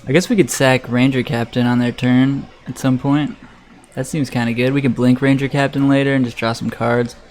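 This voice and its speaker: A streamer playing an online card game commentates live as he plays, thinking aloud conversationally while an electric fan runs in the background. His medium-pitched voice is level and darkish in tone, at a moderate pace.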